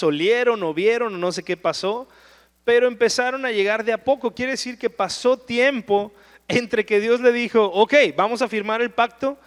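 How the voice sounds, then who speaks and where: Guy preaching a bible study, high clear voice, chatty and earnest, big echoey church hall. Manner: conversational, earnest, with rhetorical "¿no?" asides. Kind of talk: verse-by-verse Bible study sermon.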